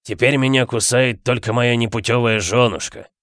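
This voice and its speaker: A man voicing a rude, bad-tempered husband who talks gruffly and barks his words. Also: mid-range voice, steady tone, moderate pace, a bit bright, no room sound, studio quality, lightly acted. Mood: rude, angry. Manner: gruff, barking.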